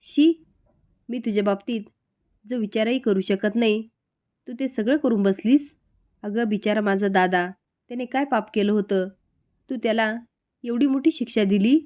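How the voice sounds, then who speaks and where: A woman's voice: medium pitch, moderate pace, long pauses, warm tone, lightly acted. A woman voicing a distraught, angry aunt who keeps pressing with reproachful questions.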